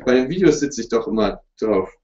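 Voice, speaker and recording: A man's voice: mid-range voice, expressive, a little fast, darkish tone, a little hiss or hum. A man chatting casually on a livestream, answering viewers' questions in a jokey, apologetic way. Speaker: YouTuber hosting a livestream. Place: room at home, sitting in front of a couch. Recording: roomy, distant, dull webcam stream audio.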